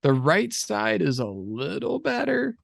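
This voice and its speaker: A man's voice: sits high, wildly swooping pitch, unhurried, vocal fry, no room sound, studio quality. A young man co-hosting a football podcast, talking casually and sarcastically with lots of fillers. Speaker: podcast co-host.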